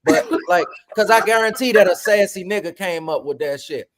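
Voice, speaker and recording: A man talking on a podcast, animated and profane, repeating phrases for emphasis. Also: sits high, normal speed, crowd noise. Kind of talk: casual podcast chat.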